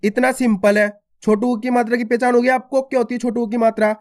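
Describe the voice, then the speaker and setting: A man's voice: very high-pitched, little pitch movement. A man teaching a beginner reading lesson in a video, repeating each point and asking the viewer questions, drawing out single syllables. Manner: repetitive, asks the viewer questions, drawn-out syllables. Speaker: Hindi teacher.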